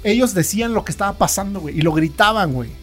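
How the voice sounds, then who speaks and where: A young man with a Mexican accent spills out a story in casual chat, swearing freely and acting out the other people in it. His voice sits high and the words come quickly. Soft music plays faintly underneath. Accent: Mexican Spanish. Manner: profane, animated storytelling.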